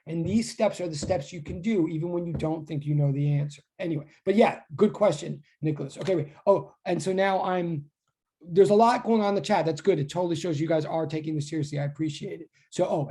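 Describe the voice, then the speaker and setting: A woman's voice: fairly low pitch, warm tone. A middle-aged woman lecturing as a physics teacher in an online class, intense and insistent, often interrupting herself as she explains. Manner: conversational, self-interrupting explaining.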